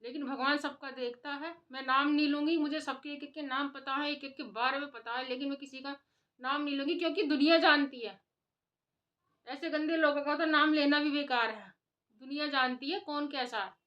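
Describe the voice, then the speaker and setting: A woman with a high voice delivers a heated opinion vlog straight to her audience. She scolds and lectures, hammering each point home by repeating it. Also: fairly even intonation, moderate pace, lo-fi sound. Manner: scolding, impassioned, repetitive. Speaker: vlogger. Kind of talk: opinion commentary to camera.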